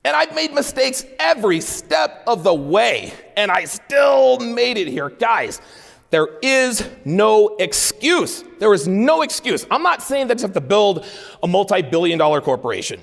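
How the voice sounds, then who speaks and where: This keynote speaker, a man in his forties, addresses a conference crowd in a big reverberant hall with a blunt, foul-mouthed motivational talk built on repeated phrases. His gravelly voice sits high, is highly animated, and runs a bit slow.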